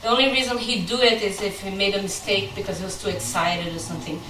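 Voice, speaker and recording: A woman dog trainer calmly explaining how she corrects a puppy, giving short firm commands. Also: medium pitch, fast, echoey room, distant mic, background noise. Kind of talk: instructional chat during training.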